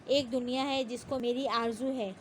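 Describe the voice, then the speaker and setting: Woman reading as a proud young woman, hot-tempered, sharp-tongued, audio novel figure, fairly high, level voice. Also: fairly even intonation, a little hiss or hum, natural voice. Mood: indignant. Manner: sharp and indignant.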